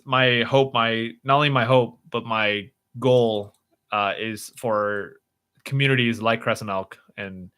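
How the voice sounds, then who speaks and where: A man's voice: mid-range voice, bright, forceful tone. A young man hosting a casual livestream chat, talking earnestly and rambling with many fillers and restarts. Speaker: livestream host.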